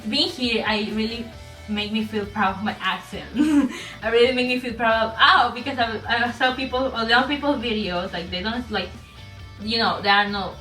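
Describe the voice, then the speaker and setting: A woman vlogger with a strong non-native English accent chats casually to camera, rambling with lots of fillers and restarts and laughing often. Her fairly high voice sounds bright and forceful. She is a bit far from the mic in an echoey room, with faint music behind her.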